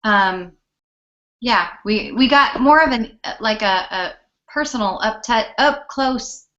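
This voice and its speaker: A woman chatting casually on a live show in a relaxed, talkative way. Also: fairly high pitch, takes it slowly. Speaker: guest co-host. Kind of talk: casual chat. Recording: dull lo-fi audio.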